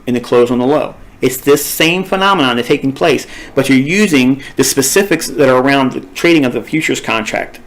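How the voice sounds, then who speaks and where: In a low-quality recording, a medium-pitched man teaches a trading lesson over screen-share. His voice sounds tired and fading as he talks emphatically, repeating himself and rambling.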